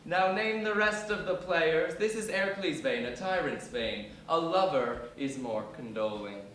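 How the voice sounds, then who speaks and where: A man's voice: a little high, expressive, unhurried, fairly bright tone. A man playing an eager show-off amateur actor, grandiose and hammy, in a Shakespeare stage comedy. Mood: eager, pompous. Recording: echoey hall, distant mic, faint noise.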